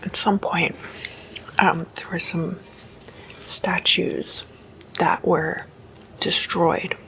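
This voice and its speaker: The host of a spooky ASMR series whispers a story in a hushed, informal, explanatory way, her lowish voice carrying a gravelly creak. She speaks very slowly and evenly with little melodic movement, and the recording quality is low.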